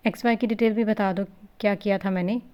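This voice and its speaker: A woman's voice: mid-range voice, steady tone, fast, darkish tone, clear, resonant tone, close to an everyday voice. A woman reading the part of a young husband who teases and grumbles, in a storybook reading. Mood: teasing. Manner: teasing, grumbling.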